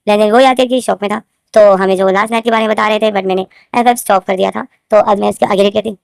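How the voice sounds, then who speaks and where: A fanfiction author with a sore throat casually narrates her own story for her viewers, whom she calls "guys," rambling and repeating names and phrases along the way. Her mid-range voice is gravelly and darkish, steady in tone and quick. The sound is dry, clean studio audio.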